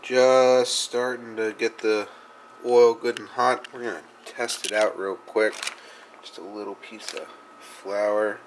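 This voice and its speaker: A man's voice: on the low side, little pitch movement, slow pace, a little hiss or hum, rough recording. A man with a stuffy, congested nose, casually talking through his cooking step by step in a home kitchen. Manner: laid-back, talks through each step. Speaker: outdoor cooking vlogger. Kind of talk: casual vlog narration.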